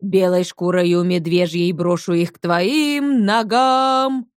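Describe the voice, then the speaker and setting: A woman's voice: mid-range voice, lively intonation, dry recording, clean studio sound, lightly acted. Batty old granny droning songs off-key, stubborn, woman puts her on. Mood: wailing song. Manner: wails folk songs slowly, off-key.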